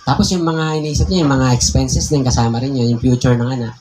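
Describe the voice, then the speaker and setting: A man with a Filipino accent, a pastor telling a personal story in a conversational, animated sermon, often laughing. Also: mid-range voice, fast, a little hiss or hum. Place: church hall.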